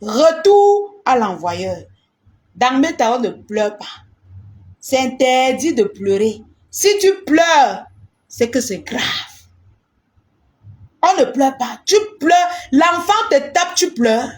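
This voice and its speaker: A woman ranting defiantly in a live stream, boastful and repetitive, rising into shouts. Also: high voice, lively intonation, slow, long pauses.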